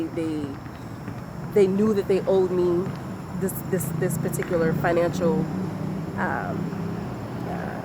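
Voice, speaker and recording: Slow-talking woman, motivational talk, emphatic repetition, noisy background. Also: on the low side. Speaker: motivational speaker.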